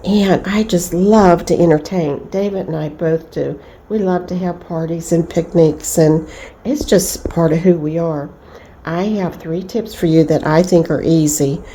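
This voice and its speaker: Middle-aged lady chatting at home, folksy and easygoing, warm low tone. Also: measured pace, reverberant, slight background noise, low-quality recording. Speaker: lifestyle vlogger. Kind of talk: casual home chat.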